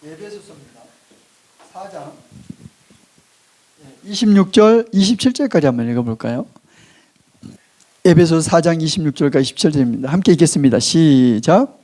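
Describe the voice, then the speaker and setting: A male pastor preaching a sermon in a church, who leads the congregation in reading aloud and slows down to stress key phrases before dropping his voice. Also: a little high, expressive, warm tone.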